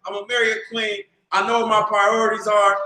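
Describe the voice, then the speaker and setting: A man in loud casual banter on a podcast, defensive and talking over the others. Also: high-pitched, little pitch movement, a little fast, recorded from a distance. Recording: very echoey room.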